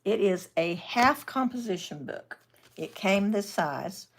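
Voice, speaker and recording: A woman's voice: medium pitch, expressive, takes it slowly. An older woman hosting a live craft session, chatting casually as she works and answering viewer comments. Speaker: craft channel host.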